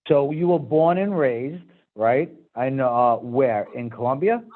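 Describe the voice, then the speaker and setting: A man's voice: medium pitch, expressive, measured pace. Male interview host, Brooklyn accent, upbeat and chatty, slightly muffled video-call sound. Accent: Brooklyn, New York. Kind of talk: casual remote interview chat. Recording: dull lo-fi video-call audio.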